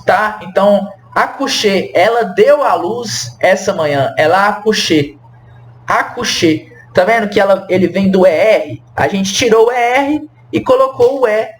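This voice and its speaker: Slow, high-voiced male French teacher. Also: slight background noise. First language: Portuguese. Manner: slow, repeats phrases, asks the viewer questions. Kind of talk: explaining a language lesson.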